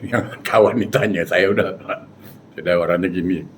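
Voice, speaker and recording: A man preaching with animated, jokey storytelling. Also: deep voice, normal speed, a little hiss or hum. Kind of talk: humorous storytelling sermon.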